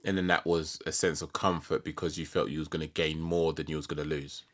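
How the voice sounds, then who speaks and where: Deep-voiced British man hosting an interview. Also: level tone, fairly quick, fairly bright tone. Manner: informal, reflective questioning. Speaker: podcast host. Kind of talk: conversational interview.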